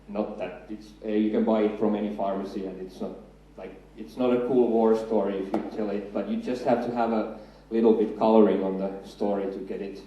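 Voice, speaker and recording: On a large hall's stage, a thirtysomething man from Finland, speaking with the accent of his native Finnish, delivers a conference talk that's chatty and self-deprecating, handheld mic in hand. He has a lowish, dark-toned voice. The hall echoes, and the mic sits at a distance.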